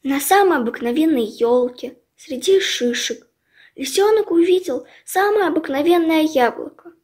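A woman reading a children's fairy tale aloud in calm storybook narration. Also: high-pitched, moderate pace.

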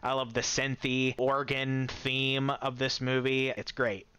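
A man's voice: medium pitch, level tone, unhurried, sharp tone, clean tone, no echo. A man giving a casual, enthusiastic movie-ranking commentary, chuckling often and rambling with restarts. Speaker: movie reviewer.

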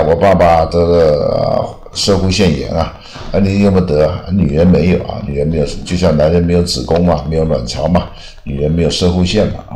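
A very deep-voiced older man teaches English words in a loose, rambling way, ending phrases with a drawn-out "ah". The sound is roomy and echoey. Faint keyboard typing sits behind him. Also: a little mellow. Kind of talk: explaining vocabulary lesson.

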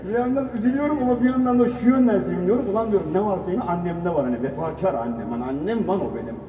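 A man's voice: high-pitched, very fast, crowd noise. A man telling comic stories on stage and acting out quoted voices. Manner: animated, acts out quoted voices. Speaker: stand-up storyteller, radio presenter. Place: event hall. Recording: echoey hall, far from the mic, dull sound.

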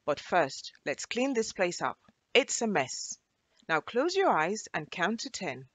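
A bossy little ginger-biscuit girl from a storybook, as a woman reads her aloud, brisk and commanding, her voice bouncing up and down. The sound is dry and close. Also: lowish voice, sing-song, no echo. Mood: bossy cheerful. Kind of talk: children's storybook reading.

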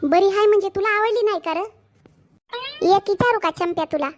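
A woman voicing a cheeky, gossipy schoolboy in a cartoon, speaking an in a teasing way. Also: extremely high pitch. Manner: teasing, nosy, fast banter. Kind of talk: cartoon voice acting.

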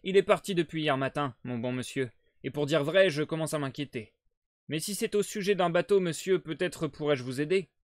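A man voicing a vigorous, worried boatman's wife and mother, in a loud, high, pleading voice. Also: brisk, no room sound, clean studio sound, lightly acted.

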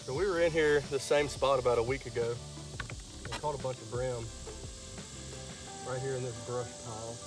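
A young man with a drawl narrates his fishing trip in a relaxed, chatty way. He talks into a handheld phone out in the open air. Loud music plays underneath his voice. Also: mid-range voice, normal speed, pauses often. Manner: easygoing, chatty, talks while working. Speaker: fishing vlogger. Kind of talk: casual outdoor vlog narration. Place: outdoors on a lake in a boat and on a wooded bank. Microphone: handheld phone at arm's length.

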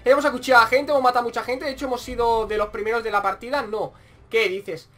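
A young man with a Spain Spanish accent giving excitable gameplay commentary, repeating phrases in quick bursts. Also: very high-pitched. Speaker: gaming YouTuber.

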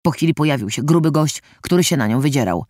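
Expressive male audiobook narrator. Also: a little high, fast, no room sound, studio quality. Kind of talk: first-person audiobook narration.

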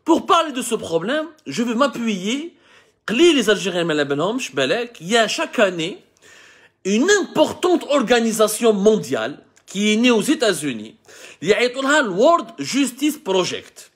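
A man's voice: sits high, very animated, moderate pace, a bit bright, breathy edge. An Algerian man with an Algerian accent hosting a live show, explaining to viewers in a lecturing way, with many restarts and lists. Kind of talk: talking to camera, explaining to viewers.

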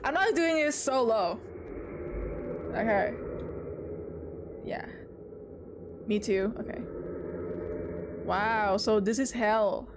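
A woman giving casual, reactive gameplay commentary as a streamer, excitable and slangy, often exclaiming. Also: on the high side, slow pace, long pauses, background noise. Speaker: game streamer.

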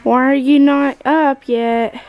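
Young woman vlogger, high voice, teasing her sister, just chatting casually. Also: steady tone, takes it slowly, a little mellow. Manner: teasing, bickering playfully. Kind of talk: casual chat.

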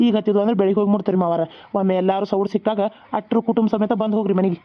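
Earnest village men of a homemade cartoon, all voiced by one man, talking fast in a North Karnataka accent. His voice sits fairly high, and the sound is thin and phone-like. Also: level tone, close to an everyday voice. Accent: North Karnataka Kannada. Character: village men, a son-in-law and a father. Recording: tinny phone-like recording.

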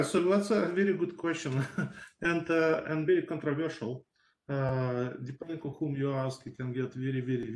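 A man's voice: medium pitch, echoey room, poor audio. A man, a researcher on a panel over a video call, talking thoughtfully with many fillers and hedges.

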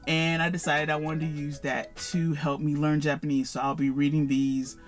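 A talkative man with a slightly high voice walks through his manga shelves at home, rambling and correcting himself as he goes. He laughs at his own slips and keeps calling out to the viewers. Soft music plays faintly behind him. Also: level tone, moderate pace. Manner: chatty, self-correcting, laughs at himself, addresses viewers as y'all. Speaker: manga collector vlogger. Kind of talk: casual collection tour.

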